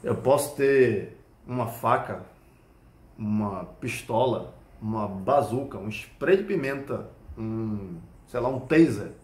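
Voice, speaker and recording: A Brazilian man, a Krav Maga instructor, explaining a point through an animated personal story and often checking whether the listener follows. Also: lowish voice, slow pace. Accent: Brazilian Portuguese. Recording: echoey room.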